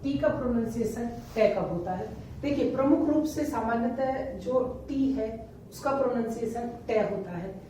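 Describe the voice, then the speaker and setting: Slow, echoey woman teaching phonics. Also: on the high side, dark tone, a little hiss or hum. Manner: spells words letter by letter, then repeats slowly. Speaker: English teacher. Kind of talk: beginner phonics lesson. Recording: echoey room, voice from a distance.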